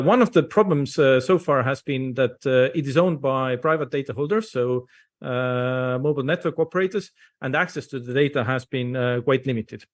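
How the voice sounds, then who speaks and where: A man from Estonia, English speaker, giving a conference presentation over a video call with many hesitant fillers. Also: medium pitch. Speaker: invited speaker.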